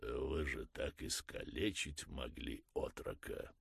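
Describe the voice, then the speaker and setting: A man voicing a cautious village priest who speaks slowly and carefully. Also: rumbling low, lively intonation, vocal fry, fairly bright tone, breathy edge, no room sound, exaggerated voice.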